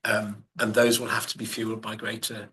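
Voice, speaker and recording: A man board member speaking over a video call, thoughtful and hesitant with many pauses and fillers. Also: on the low side, completely flat delivery, fairly bright tone. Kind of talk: meeting contribution.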